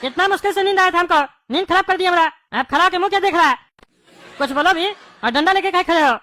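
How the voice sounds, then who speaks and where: A woman's voice: very high-pitched, fast talker, bright, forceful tone, no room sound. A woman, playing a quarrelsome neighbour in a scripted comedy sketch. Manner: scolding, quarrelsome. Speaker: comic character, bald neighbour.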